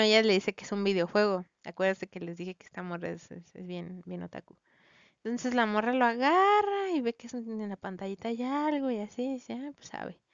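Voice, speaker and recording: A woman with a Mexican Spanish accent and a very smooth, resonant, medium-pitched voice chats to her viewers as a vlogger, retelling a plot in loose, slangy, rambling speech thick with fillers. The recording is dry and a bit dull, like lo-fi home audio with no room sound.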